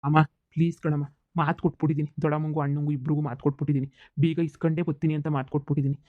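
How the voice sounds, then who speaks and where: A man voicing a placating, soft-hearted grown son in a cartoon comedy. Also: on the high side, level tone, racing, dry recording, phone-quality sound, natural voice. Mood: pleading. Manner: pleading, placating.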